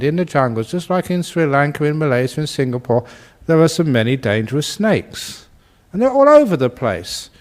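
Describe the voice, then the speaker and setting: A man who is a Buddhist monk, giving a dharma talk and telling anecdotes in an unhurried way with gentle humour. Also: mid-range voice.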